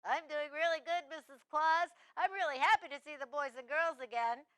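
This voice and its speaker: Lady doing a giggly talking christmas tree, eager corny jokes, real high bright voice. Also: a little fast, no room sound. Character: cheerful talking fir tree, joke-telling friend. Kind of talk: children's TV puppet show.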